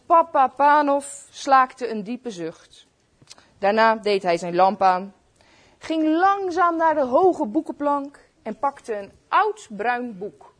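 A woman reading a Christmas story aloud to children, slow and expressive, speaking to her listeners. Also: sits high.

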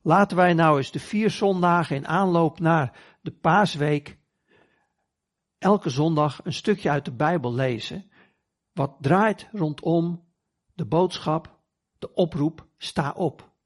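A man preaches a sermon in an earnest storytelling manner, giving the quoted voices a little life. His voice sits a touch high and carries a slightly husky edge. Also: takes it slowly.

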